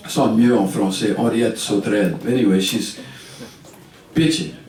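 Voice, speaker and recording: A man's voice: lowish voice, normal speed, a little mellow. A man telling a story live, rambling with chuckling asides, in a music store. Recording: roomy store from a distance.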